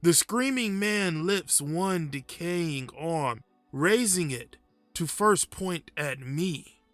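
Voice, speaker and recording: A man voicing a frightened, confused, haunted man telling a first-person horror story in a slow, hushed, uneasy way, with halting pauses. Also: a little high, animated, no room sound, soft background music. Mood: creeping dread.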